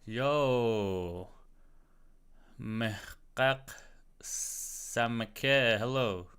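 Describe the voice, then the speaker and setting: Speaking extremely slowly, an Australian streamer with an American-sounding accent greets his viewers and talks to himself while looking things up on his computer. His medium-pitched voice is clear, resonant and a bit bright. Keyboard typing and clicking sound behind him.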